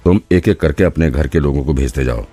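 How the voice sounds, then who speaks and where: A man's voice: rumbling low, a little fast, warm tone, husky, faint music behind. A man voicing a swaggering male detective in an audiobook, taunting his rivals with laughing threats.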